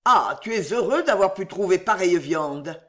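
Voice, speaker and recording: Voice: mid-range voice, expressive, normal speed, lightly acted. A reader voicing Renard, a sly wheedling fox. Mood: coaxing. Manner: coaxing, wheedling. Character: sly, flattering male fox.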